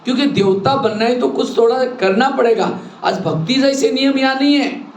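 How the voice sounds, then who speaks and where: Here the man speaks at a normal speed in an extremely high pitch, delivering a sermon to his spiritual class. Rhetorical questions and everyday examples help him explain the rules, with hall echo and faint noise in the background.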